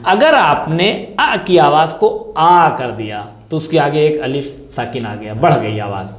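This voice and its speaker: On the high side and animated, this man's voice has a roomy sound. He explains tajweed in a religious lesson with an Indian Urdu accent, patiently repeating the key terms and raising questions only to answer them himself.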